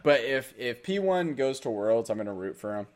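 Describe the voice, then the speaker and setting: Animated young man podcast co-host. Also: mid-range voice, normal speed. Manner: animated, joking, goofy put-on voices. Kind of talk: casual esports chat.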